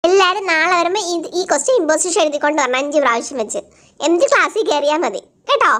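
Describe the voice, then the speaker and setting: Stern schoolteacher, voiced by a woman, scolding, high-pitched, doll-play voice acting. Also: lively intonation, fast talker, fairly bright tone. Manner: stern, scolding, threatens to cane. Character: strict scolding female schoolteacher.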